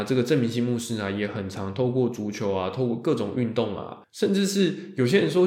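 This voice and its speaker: A man's voice: mid-range voice, darkish tone. A man hosting a podcast alone, talking casually and chattily, often stretching out the sounds that end his phrases. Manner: chatty, with drawn-out particles ending phrases. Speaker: podcast host. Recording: roomy echo.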